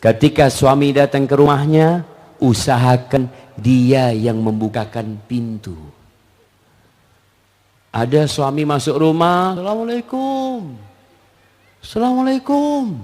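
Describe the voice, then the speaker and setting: A male Indonesian preacher giving an animated sermon with questions and answers, acting out wives and husbands and dropping in Arabic phrases. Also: mid-range voice, slow pace, pauses often. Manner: animated, acts out wives and husbands in quoted voices; mixes Arabic phrases into his talk.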